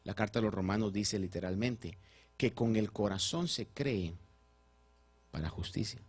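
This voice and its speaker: A man preaching a sermon as pastor, swinging between loud and soft and putting rhetorical questions to the congregation. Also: on the low side, moderate pace, husky.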